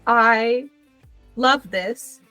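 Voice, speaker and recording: A woman's voice: fairly high pitch, extremely slow, sharp tone, no room sound, faint music behind. A woman playing a tabletop game, chatting casually in a teasing, playful way. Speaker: player. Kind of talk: casual tabletop role-play.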